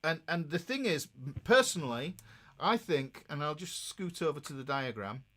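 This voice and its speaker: With lively intonation and a fairly bright tone, a man teaches guitar informally at a moderate pace, his voice a little high. He keeps the talk conversational, demonstrating and often checking in with the listener.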